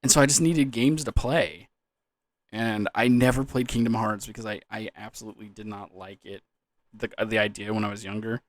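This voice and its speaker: A man's voice: on the low side, fairly even intonation, normal speed. A young man in a loose, drunken, rambling casual chat about gaming, trailing off, repeating words and swearing casually. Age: young adult. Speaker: gaming vlogger.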